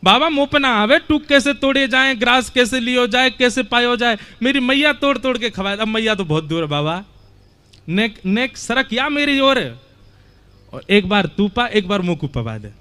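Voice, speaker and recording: A man's voice: very high-pitched, animated, normal speed, bright, forceful tone, clear, resonant tone, pitched above the performer's own voice, heavily acted. A man voicing a simple young village cowherd boy with a Braj accent, talking in a childlike, coaxing sing-song way. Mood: pleading.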